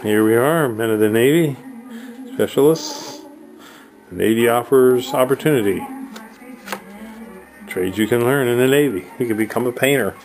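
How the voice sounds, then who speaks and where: A mid-range, darkish voice at a moderate pace belongs to a hauler showing off collected antiques on a handheld camera. He pauses often, rambles plainly and reads old items aloud, with faint music behind in a low-quality recording.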